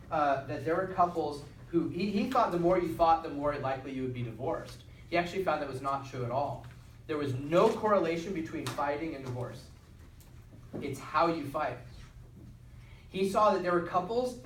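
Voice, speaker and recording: Guy teaching a class, kinda high voice, mic far off so it's roomy and a bit noisy. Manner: repeats "okay?" and acts out quotes. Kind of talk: classroom lecture. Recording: roomy, from far off, some noise.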